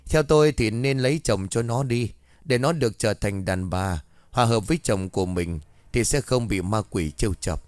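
A man's voice: on the low side, normal speed, darkish tone, dry recording, natural voice. A man voicing an elderly woman exorcist who commands a ghost sternly. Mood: advising.

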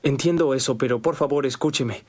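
Man acting an earnest, respectful soldier, medium pitch. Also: a little fast, lightly acted. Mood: earnest, deferential. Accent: Latin American Spanish. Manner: deferential but insistent. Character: earnest, respectful captive soldier pleading with superior. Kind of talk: dubbed film acting.

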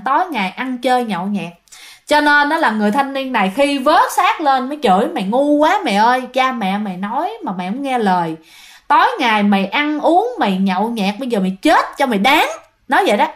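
A woman telling ghost stories in a casual, chatty way, often turning to speak to her listeners. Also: a little high. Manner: chatty, addresses listeners directly, many fillers. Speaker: ghost story narrator. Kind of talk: casual spoken storytelling.

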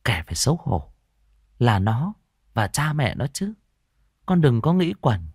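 A man voicing a calm middle-aged village wise woman who speaks politely and soothingly, in a told ghost story. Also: medium pitch, unhurried, husky, no room sound, clean studio sound, pitched above the performer's own voice, heavily acted.

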